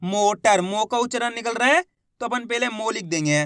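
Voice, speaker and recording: A man teaching Hindi reading in a slow step-by-step lesson, patiently repeating each word and sounding out syllables. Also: high-pitched, fairly bright tone, no echo, clean studio sound.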